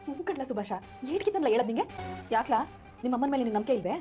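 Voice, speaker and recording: A scheming, power-hungry mother who speaks. Her voice sits a little high and the words tumble out very fast, gloating and scornful. Music plays behind her. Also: lively intonation, warm tone. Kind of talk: TV serial acting. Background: background music score.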